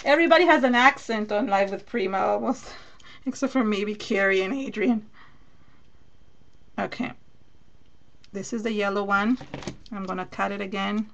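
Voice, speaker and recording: Working through a live craft demo, this woman from Venezuela speaks English with a Spanish accent and a distinct gravelly fry. Her pitch is medium and her pace moderate, with frequent pauses as she chats, thinks aloud, and responds to viewers' comments.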